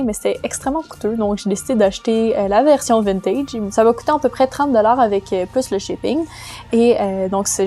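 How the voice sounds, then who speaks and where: A woman's voice: on the high side, darkish tone. A woman with a Quebec French accent, chatting casually as she explains her writing tools in a vlog, loose and full of hesitations. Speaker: vlogger giving writing tips.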